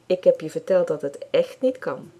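A woman's voice: on the low side, lively intonation, moderate pace. A woman reading aloud, voicing a firm but kind mother. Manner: firm, gently amused.

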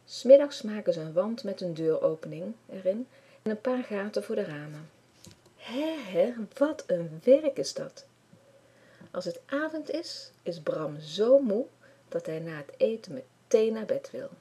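A woman reading a children's story aloud with lively expression. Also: mid-range voice, normal speed, husky.

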